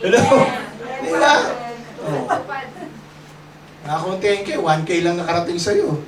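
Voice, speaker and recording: A man's voice: sits high, unhurried, over a noisy crowd. Male pastor, playful sermon, call-and-response, echoey hall, distant mic, congregation around. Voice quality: joking, lively preaching with call-and-response.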